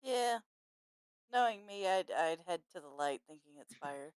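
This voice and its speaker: A woman with a smooth, resonant voice, a little low for a woman, chats as a player in a tabletop game. She talks in a cheerful, playful way, and the sound is dry and close. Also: expressive, a little slow, dry recording. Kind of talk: casual tabletop game chat.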